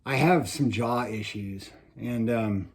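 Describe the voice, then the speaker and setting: A man presenting a casual how-to vlog in slightly slurred speech, as if wearing a mouthguard, with a faint whistle on his S's and halting pauses to swallow. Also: mid-range voice, breathy edge. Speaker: trapping video presenter.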